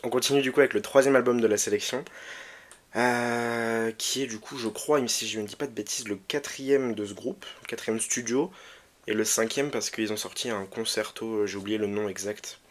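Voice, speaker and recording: A man's voice: lowish voice, steady tone, normal speed. A man casually presenting his record collection, hesitant with many fillers and restarts, enthusiastic about the music. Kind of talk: casual vlog talk.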